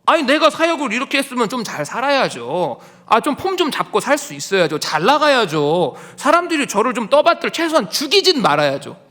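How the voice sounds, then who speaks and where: A man's voice: very high-pitched, very animated, fairly quick, few pauses, pushed and bright, long reverb tail, pitched above the performer's own voice, heavily acted. A man voicing an exasperated male prophet who pours out indignant, pleading complaints to God.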